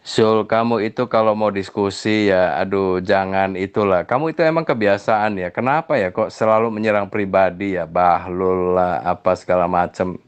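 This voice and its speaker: A man's voice: sits low, fairly even intonation, moderate pace, clear, resonant tone, dull audio. Chiding man explaining his faith. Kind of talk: religious debate voice notes.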